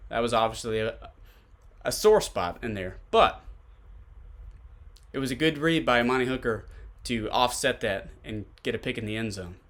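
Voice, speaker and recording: On his solo sports podcast, a man with a Tennessee accent breaks down football conversationally and throws out pointed rhetorical questions. His voice is medium-pitched and a little bright.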